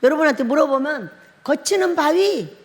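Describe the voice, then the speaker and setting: A middle-aged woman pastor preaching a sermon, telling a personal story with lively acted-out shouts and frequent laughter. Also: sits high, moderate pace. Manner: animated storytelling, acts out her own shouting and crying, laughs often. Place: church hall. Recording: long hall reverb.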